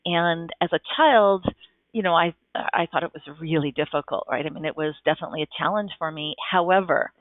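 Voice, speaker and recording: A US-based woman whose first language is Japanese answers casual interview questions as a podcast guest, thoughtful and enthusiastic but frequently restarting. Her low-ish voice moves fairly quickly and comes over a tinny line with no echo.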